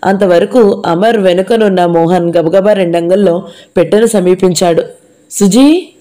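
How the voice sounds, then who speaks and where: A woman narrating an audio novel in a steady, measured storytelling manner. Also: on the low side. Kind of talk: scripted narration.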